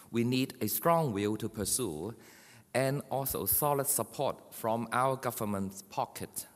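A man's voice: medium pitch, fairly bright tone. A man giving a formal welcome speech as moderator at a podium in a large conference hall. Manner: measured, formal delivery. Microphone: podium microphone. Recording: long hall reverb.

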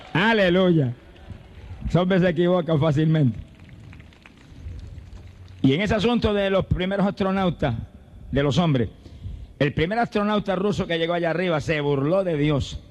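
Male evangelist, high voice, fervent Pentecostal sermon style, calm teaching that rises into shouted praise before a church crowd. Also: measured pace, long pauses. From Puerto Rico. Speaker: evangelist preacher. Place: church service before a congregation.

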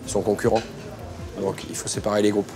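A man in his forties, a restaurant manager, talking briskly while at work in a busy restaurant. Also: fairly low pitch, level tone, music in the background. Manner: brisk, switches to simple English with guests. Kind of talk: on-the-job interview.

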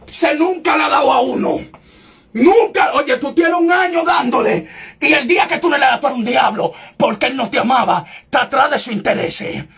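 A man preaches in a relentless shout, his voice pitched very high and gravelly. He hammers each point confrontationally, now and then bursting into tongues. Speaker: evangelist preacher. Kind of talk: fiery shouted sermon.

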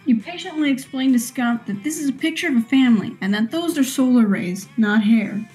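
A woman's voice: high voice, a little fast, dark tone, faint music behind. A young adult woman casually reading a video game's narration aloud while playing with friends.

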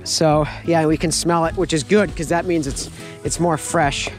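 A man's voice: on the high side, fairly even intonation, moderate pace, over music, rough recording. Chatty young man teaching foraging. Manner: casual, chatty, laughs often. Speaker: foraging instructor. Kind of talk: outdoor teaching walk. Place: forest outdoors, then wooden lodge hall.

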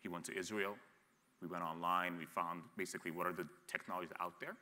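The voice is deep, quick, bright, and forceful, with fairly even intonation and a long reverb tail. It belongs to a man in his thirties, raised in Ethiopia, who speaks bluntly and frankly as an entrepreneur on a panel from an armchair on a studio stage set, frequently restarting and repeating words.

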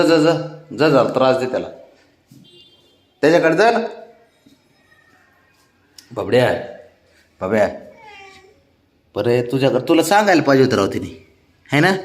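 A man's voice: mid-range voice, roomy sound. A man coaxing and teasing his sulking pet cat in a casual home video.

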